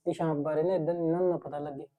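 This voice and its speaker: A man's voice: on the high side, level tone, rapid-fire, warm tone, close to an everyday voice. A man playing an easygoing young husband who responds in an offhand, placating way in a village family drama.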